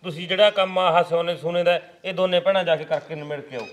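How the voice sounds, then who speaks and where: A man's voice: sits high, steady tone, quick pace, natural voice. A man playing an elder brother in a village household who speaks firmly and matter-of-factly, with a Punjabi village accent. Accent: Punjabi village speech.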